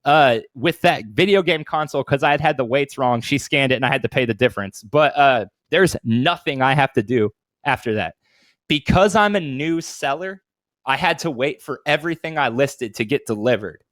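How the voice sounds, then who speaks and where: A man in his thirties co-hosts a podcast, chatting casually with a medium-pitched, slightly bright, animated voice at normal speed and no echo. He's informal, swears freely and throws around plenty of "dude" slang.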